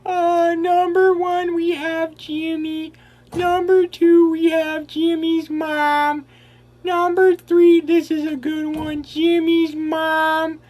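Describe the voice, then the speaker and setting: Carl Wheezer, very high, whiny cartoon boy. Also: flat delivery, a little mellow. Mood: hesitant, eager. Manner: halting, numbered delivery with drawn-out words. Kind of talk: comic impression challenge, short catchphrases.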